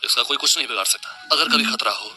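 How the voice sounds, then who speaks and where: A man dubbing a protective dragon lord speaking gently to his family in a fantasy drama. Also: mid-range voice, fast, soft background music. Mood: tender. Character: protective male dragon lord, father and husband.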